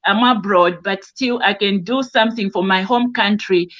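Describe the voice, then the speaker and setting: A woman from Zambia now living in the UK speaks from home as a caller in an online discussion, giving casual testimony earnestly with many restarts and fillers. Her voice is medium-pitched, a bit bright, and at a normal speed, though the video call audio is dull and lo-fi.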